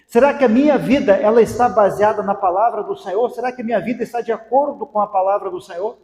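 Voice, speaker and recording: A male pastor with a Brazilian Portuguese accent preaches fast in a high voice with a darkish tone, repeatedly posing rhetorical questions. The hall he's in is echoey with long reverb.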